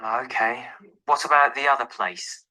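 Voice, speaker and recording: Playing a relaxed young man who rings up to rent a flat, this male performer talks casually and informally in a staged phone conversation, friendly and easygoing. His mid-range voice is unhurried, pushed, and bright. The recording is low quality.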